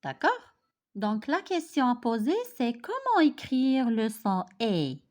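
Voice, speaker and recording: A woman teaching French pronunciation, who says each word clearly and deliberately and repeats it, as in a spoken language lesson. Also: a little high, sing-song, a little mellow.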